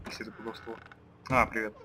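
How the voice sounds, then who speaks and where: A man's voice: fairly low pitch, flat delivery, very fast, bright, forceful tone, a little hiss or hum. A man who is a native Russian speaker, giving casual, irreverent and slangy commentary as he plays a game. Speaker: gamer.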